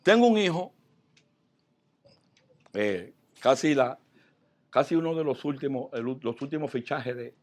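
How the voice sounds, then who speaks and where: Male pastor, sermon storytelling, animated, medium pitch. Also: measured pace, pauses often. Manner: animated, swinging from soft asides to loud outbursts.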